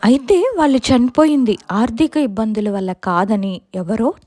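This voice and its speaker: A woman with a Telugu accent narrating a first-person ghost story from a script, her quoted lines pushed louder. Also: a little high, moderate pace, no echo, studio quality.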